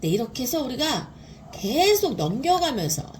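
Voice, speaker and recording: A woman teaching beginner English phonics, sounding out each word slowly and repeating it. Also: high-pitched, very animated, darkish tone, a little hiss or hum. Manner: drawn-out repeated sounding of words. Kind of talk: slow explanatory teaching.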